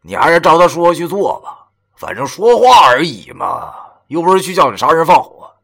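A man's voice: on the high side, sing-song, moderate pace, creaky, pushed and bright, voice pushed up, heavily acted. A man voicing a teasing, easygoing phone buddy. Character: chatty middle-aged male buddy on the phone.

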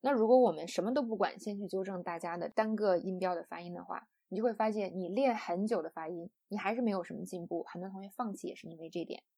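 Young woman from China, English pronunciation teacher, mellow husky voice, patient and explanatory. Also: medium pitch, fast talker, few pauses, no echo. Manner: patient, explanatory, with many "啊" and "呃" fillers. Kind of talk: online audio lesson.

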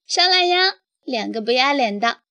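Woman reading storybook girl, high and sharp, scornful and bold. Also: lively intonation, normal speed, dull audio, heavily acted. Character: bold defiant village girl perched in a tree.

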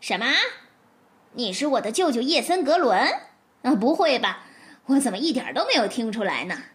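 Storybook fox, sly and teasing, voiced by a woman, slightly lower than her own, lively and playful. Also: normal speed. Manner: teasing, mock-innocent. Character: sly mocking fox, head of the family.

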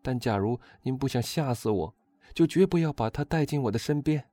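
A man reading a storybook, voicing a frightened noble countess who pleads in a high, strained voice. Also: animated, brisk, mellow, no echo, studio quality, lightly acted. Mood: pleading.

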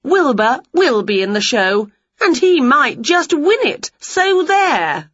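A high, bouncy witch, played by a woman reading aloud exclaims and fusses with a lot of pitch movement. The voice is a touch breathy and sounds dry and a bit dull. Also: moderate pace, dry recording, exaggerated voice. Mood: defiant. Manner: lively, exclaiming. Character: excitable scatty young witch woman. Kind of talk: storybook reading.

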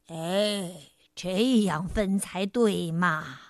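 A woman's voice: on the low side, extremely slow, no room sound, clean studio sound, voice pushed down. A woman voicing a big, strong male tiger in a children's storybook reading, with a drawling, smug put-on voice.

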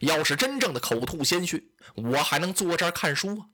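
A man voicing a cunning young commander in a told tale, speaking calmly and assuredly in a lowered voice. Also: fairly quick, heavily acted.

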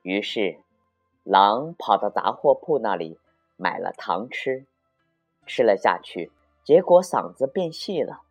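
Brief: male children's storyteller, slow, animated, faint music, lo-fi. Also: lowish voice, breathy edge. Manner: slow, sing-song and expressive.

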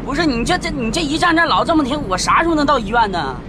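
A man's voice: extremely high pitch, expressive, crowd noise. An actor playing an impatient, nagging older village father with a Northeastern Mandarin accent, riding a bus. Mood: exasperated. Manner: impatient, nagging, quick to complain. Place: inside a moving bus.

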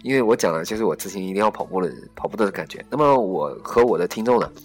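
A man's voice: lowish voice, lively intonation, fast. A man hosting a casual solo podcast, rambling along with lots of fillers and restarts. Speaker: podcast host.

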